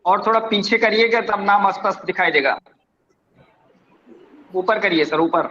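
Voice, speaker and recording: A man's voice: high-pitched, measured pace, pushed and bright. Man on a muffled video call. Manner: polite, formal. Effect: heard over a video call line. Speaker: college principal. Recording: muffled lo-fi call audio, faint noise.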